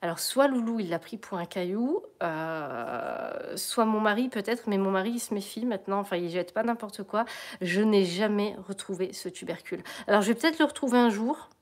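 A woman's voice: mid-range voice, animated, moderate pace. A middle-aged woman hosting a casual plant live stream, chatty and bubbly, laughing often and greeting viewers as she goes.

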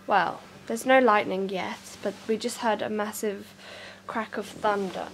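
A woman's voice: medium pitch, steady tone, unhurried, vocal fry, big-room sound, a little hiss or hum. A woman vlogging casually as she gives a house tour, chatty and gushing. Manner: chatty, gushing, says "so cool" often. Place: indoors at a house.

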